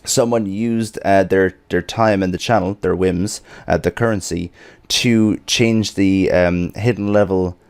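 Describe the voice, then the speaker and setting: A man hosts a casual livestream chat, his voice sitting fairly low. He laughs often and pushes energetic, joking banter with his co-hosts and chat. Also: a little slow, smooth. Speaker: stream host.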